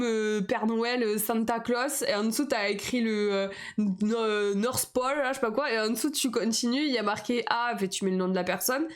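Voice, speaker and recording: A bubbly young woman chats casually on a live stream, rambling from topic to topic and laughing often. Her voice sits a little high for a woman.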